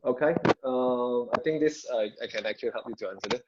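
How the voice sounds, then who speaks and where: A man's voice: medium pitch, fast talker. A man talking as a guest over a glitchy, breaking-up online call, hesitant and full of fillers. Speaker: guest calling in. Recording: lo-fi call with loud noise and clicks.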